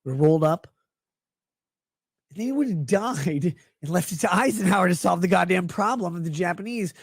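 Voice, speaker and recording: A man speaking with a husky, breathy voice, drunk and rambling through a profane livestream rant full of tangents. His pitch sits in an ordinary middle range. The sound is close and dry. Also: lively intonation, a little fast, dry recording.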